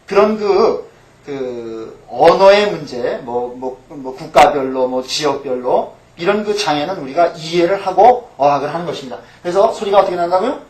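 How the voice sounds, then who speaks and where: A man's voice: a little high, animated, moderate pace, a little mellow. A middle-aged pastor teaching a Hebrew class, patiently repeating each letter name and asking questions that he then answers himself. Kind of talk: recorded language lecture. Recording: echoey room, mic at a distance.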